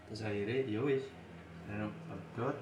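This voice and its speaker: A young man chats casually as a guest, swearing often and breaking into laughter as he tells his story. His voice sits fairly low. The recording is roomy and echoey, with faint noise underneath. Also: steady tone, moderate pace. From Lampung, Indonesia. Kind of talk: casual chat. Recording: roomy echo.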